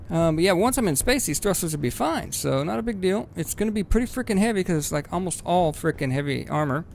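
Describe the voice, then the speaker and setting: A man talks through his game in a loose, rambling let's-play commentary, swearing casually and jumping into excited bursts. His voice sits a little high with a gravelly, fry-laden edge. Faint game sounds hum underneath. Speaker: gaming video host.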